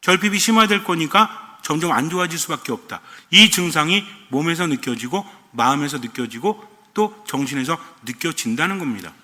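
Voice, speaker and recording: Bright-voiced Korean priest preaching in a hall. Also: male voice, fairly high pitch, animated, normal speed, hardly any pauses. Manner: rhetorical questions answered himself. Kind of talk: sermon.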